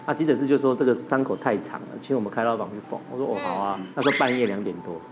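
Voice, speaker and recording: A man's voice: mid-range voice, rapid-fire. A man, a doctor guest on a TV talk show, telling a ghost story and acting out the voices of the patient and nurse. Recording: studio with music playing under it.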